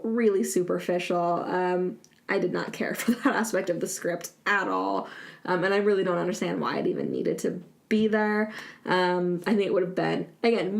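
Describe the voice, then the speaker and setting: A woman's voice: fairly low pitch, creaky. A woman giving a casual spoken film review, chatty and full of hesitations, often laughing as she talks. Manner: chatty, lots of ums and restarts, laughs often.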